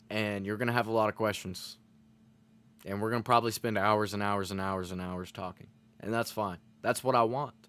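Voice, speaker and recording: A man's voice: lowish voice, fairly bright tone. A man streaming to his chat, rambling and self-reflective in casual motivational talk, full of fillers and frequent swearing.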